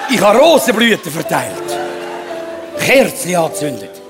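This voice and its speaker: A man's voice: sits high, wildly swooping pitch, unhurried, music in the background. A man with a Swiss German accent doing a stand-up comedy monologue, a comic storyteller who talks about himself in the third person.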